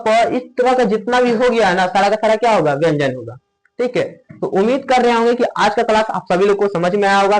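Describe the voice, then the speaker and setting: A man teaching grammar in a classroom-style explanation, posing questions and answering them himself and slowly drawing out sounds to show how they are said. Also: high voice, low-quality recording. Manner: asks rhetorical questions and answers them himself, repeats "ठीक है"; stretches sounds out slowly when demonstrating pronunciation.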